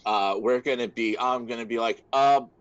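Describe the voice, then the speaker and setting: A man playing a tabletop game, talking in a relaxed, hesitant and playful way over an online call. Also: medium pitch, brisk, no echo, muffled recording. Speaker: player. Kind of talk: casual tabletop play narration. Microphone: online call mic.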